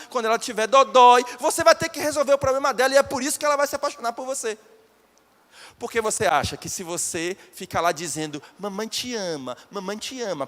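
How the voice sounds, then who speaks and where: Animated pastor in an echoing hall. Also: male voice, very high voice. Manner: animated, questions the congregation directly. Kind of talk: live church sermon. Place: church hall. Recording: echoey church hall.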